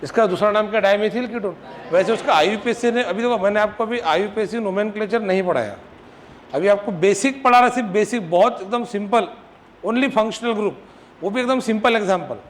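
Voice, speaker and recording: High-voiced teacher drilling a class. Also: male voice, brisk. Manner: drills students, chants formulas, teasing scolds. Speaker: chemistry coaching teacher. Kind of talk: classroom lecture.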